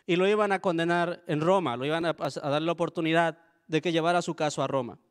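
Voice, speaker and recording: A man's voice: a little high, fairly even intonation, fast, clean tone. A young adult man, a pastor, preaching a sermon in an earnest, conversational way, often turning to his listeners with asides.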